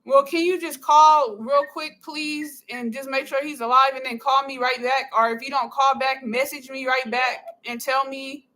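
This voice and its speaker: Woman, high pitch, sharp tense tone, anxious and upset, insistent, repetitive, emotional phone conversation. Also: fairly even intonation, normal speed, hardly any pauses. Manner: pleading, insistent, repeats herself. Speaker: mother on a phone call.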